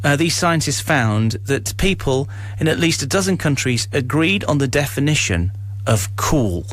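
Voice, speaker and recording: A man's voice: on the high side, expressive, normal speed, no echo. A man hosting an afternoon local radio show in an upbeat, chatty, bantering way. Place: radio studio.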